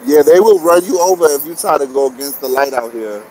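A man's voice: a little high, animated, a little fast, darkish tone, poor audio. A man, out of breath and sweaty, chatting casually to viewers of his livestream as he walks a busy city street on a phone camera. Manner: chatty, greets viewers, begs for shares. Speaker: vlogger live-streaming. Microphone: phone camera worn or held. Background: street traffic and city bustle.

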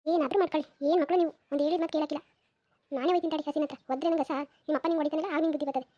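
A woman's voice: sits high, steady tone, rapid-fire, mellow, no room sound, highs cut off, natural voice. A woman voicing a nagging village grandmother who coaxes and scolds her grandson in a cartoon. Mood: scolding. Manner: nagging, coaxing. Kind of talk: cartoon voice acting.

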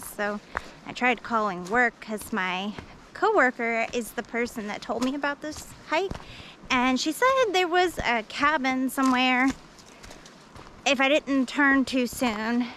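A woman's voice: a little high, a bit bright, slight background noise, low-quality recording. A woman hiking alone and talking to an action camera on a forest trail, rambling with lots of fillers and poking fun at herself. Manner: rambling, self-deprecating, many fillers. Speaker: hiking vlogger. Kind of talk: casual vlog narration while hiking.

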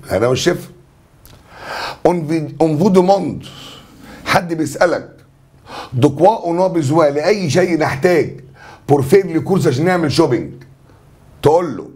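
Egyptian male teacher, rapid and higher-pitched, jokey exam review. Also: a little mellow, breathy edge. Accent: Egyptian Arabic. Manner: chatty, joking, brisk teacher explaining answers. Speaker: French teacher.

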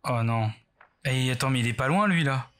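A man's voice: medium pitch, normal speed, a bit bright, clean tone. A man doing casual let's play commentary as a horror game streamer, rambling nervously and self-mockingly as he talks to himself. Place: bedroom at home, indoors.

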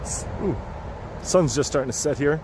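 A man's voice: expressive, normal speed. A man vlogging as he hikes a wooded lakeside trail, talking easily to the camera he holds and often restarting his phrases. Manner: easygoing, chatty, repeats and restarts phrases. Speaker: hiking vlogger. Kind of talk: casual walking commentary to camera. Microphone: handheld camera or phone held by the walker. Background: faint highway traffic.

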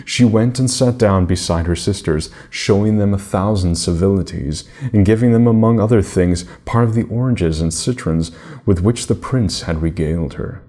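In a low, mellow voice, a man in his thirties narrates a fairy tale like a storybook reading, measured and deliberate, with formal diction.

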